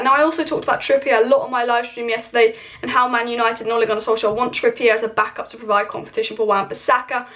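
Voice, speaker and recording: Recorded on a camera mic at home amid kitchen clatter, this young woman runs a casual football transfer update, her fairly high, slightly bright voice turning hoarse. As a football channel host she's chatty and opinionated, speaking directly to her viewers.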